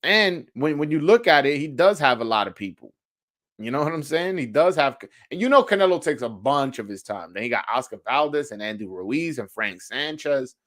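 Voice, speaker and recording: Medium-pitched, expressive and fairly bright, this sports call-in host talks at a normal speed while responding to live commenters. His language is informal, slangy and sweary, and he often repeats phrases as he thinks aloud.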